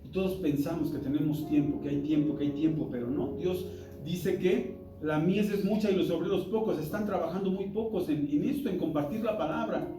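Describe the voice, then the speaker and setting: A man's voice: on the high side, fairly quick. A man teaching an interactive church Bible lesson, talking in an emphatic, conversational way and quizzing the listeners. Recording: roomy hall, distant mic, music behind.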